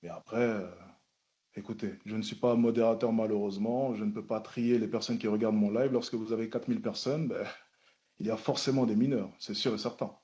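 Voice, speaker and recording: A man with a very dark, mellow voice gives formal, measured answers to questions. He repeats key phrases as he speaks. The recording sounds dull and lo-fi. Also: lowish voice, fairly even intonation. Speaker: social media content creator testifying at a hearing.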